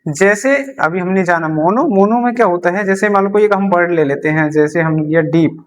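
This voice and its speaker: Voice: mid-range voice, a little fast. A teacher gives a beginner English lesson explained in Hindi, repeating key terms and answering their own questions while writing examples on a board.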